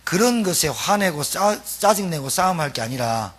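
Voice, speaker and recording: A man preaching a sermon as pastor, telling a story in an animated, emphatic way. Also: fairly high pitch, normal speed.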